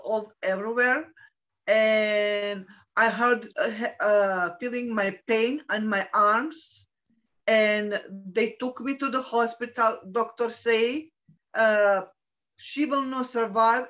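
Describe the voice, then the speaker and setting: A woman in her forties from Bosnia with a Bosnian accent, telling her life story as a guest speaker on a video call in halting English. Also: on the high side, a bit bright. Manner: halting non-native English, many fillers and restarts. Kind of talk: personal testimony on a webinar. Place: home room. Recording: muffled video-call audio.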